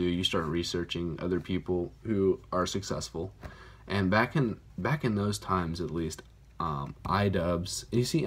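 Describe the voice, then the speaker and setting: A man's voice: on the low side, husky. A man hosting his own channel, talking casually to camera in a rambling, self-deprecating way full of fillers, recorded on a phone. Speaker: YouTuber, channel host. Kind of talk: casual vlog talk to camera. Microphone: phone camera mic.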